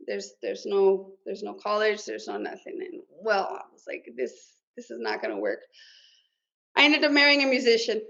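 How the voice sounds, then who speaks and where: A middle-aged business owner, born in Mexico and raised in Nebraska, tells her personal story as an interview guest, earnest and emotional, slipping Spanish words into her speech. Her medium-pitched voice is creaky and a bit bright, and the recording's highs are cut off.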